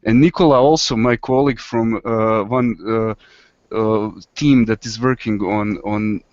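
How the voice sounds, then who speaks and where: A man hosting an online webinar, introducing guests in a halting manner that stumbles over words. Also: fairly low pitch, steady tone, darkish tone, dry recording. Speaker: host. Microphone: video call. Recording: dull, dry online call audio.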